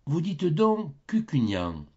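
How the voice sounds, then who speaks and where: Un homme qui joue un grand ange aux ailes sombres, à la voix rauque et dolente, tenant un grand livre dans un conte lu. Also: male voice, fairly high pitch, huge pitch swings, takes it slowly, mellow, lo-fi sound, pitched above the performer's own voice, full character voice. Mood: sighing. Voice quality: hoarse and doleful. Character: grand dark-winged angel keeping hell's book.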